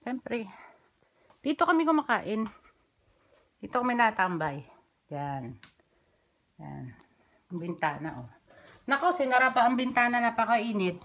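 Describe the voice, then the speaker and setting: A woman's voice: on the high side, big pitch swings, measured pace, long pauses, a bit bright. Chatty woman touring a shop. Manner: chatty, upbeat, pointing things out to viewers. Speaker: shop worker giving a store tour. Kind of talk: casual walking vlog. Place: indoor shop and stockroom. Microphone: handheld phone.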